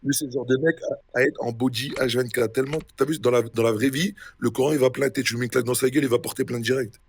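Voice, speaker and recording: Husky young man trash-talking on stream. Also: medium pitch, steady tone, quick pace, no echo. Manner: mocking, taunting, insulting. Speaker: streamer in a role-play game. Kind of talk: casual trash talk on stream.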